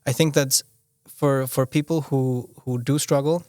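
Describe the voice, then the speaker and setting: A man's voice: medium pitch, fairly even intonation, unhurried, darkish tone, smooth, dry recording, studio quality. A young man from Austria, a podcast guest talking casually, often restarting his sentences and leaning on "you know". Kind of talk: casual conversational interview.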